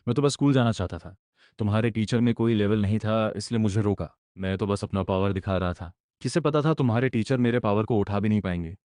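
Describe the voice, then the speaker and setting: A man voicing a cocky eight-year-old boy prodigy fighter in a recap story, talking calm and self-assured. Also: on the low side, quick pace, no room sound, studio quality, lightly acted. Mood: smug.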